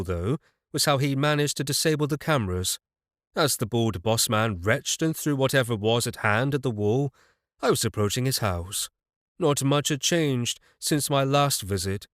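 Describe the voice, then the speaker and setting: Man, audiobook narrator, first-person fantasy story, even wry delivery, dry studio sound. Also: medium pitch, no room sound.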